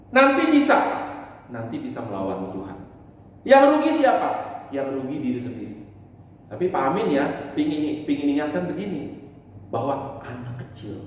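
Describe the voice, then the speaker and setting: A pastor giving a Sunday school sermon to children, animated, asking them questions and acting out little voices, in a church hall. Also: male voice, mid-range voice, slight background noise. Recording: echoey church hall, mic far off.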